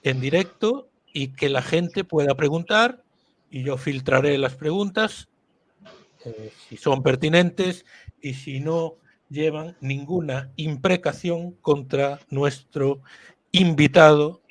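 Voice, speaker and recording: A man hosting a live-stream talk, relaxed and jokey. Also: a little high, slow pace. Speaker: host.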